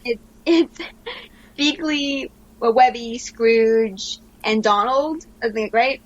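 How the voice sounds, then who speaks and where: Casting: young woman podcast co-host, high voice, giggly and rambling, casual recap. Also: takes it slowly, highs cut off. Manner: giggly, rambling, acts out lines from the episode. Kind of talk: casual cartoon recap chat.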